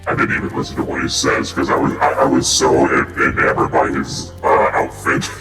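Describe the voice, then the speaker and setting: A streamer playing a platform game through a voice changer that makes the voice very deep, joking and mocking their own playing in casual commentary. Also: monotone, a little fast, fairly bright tone. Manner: goofy and self-mocking. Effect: voice changer pitching the voice very deep. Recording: echoey and distant, game music behind. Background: game music.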